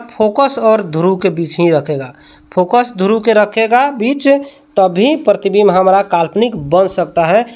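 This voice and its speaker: A male tuition teacher going through exam questions, repeating each answer and quizzing with rhetorical questions. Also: sits high.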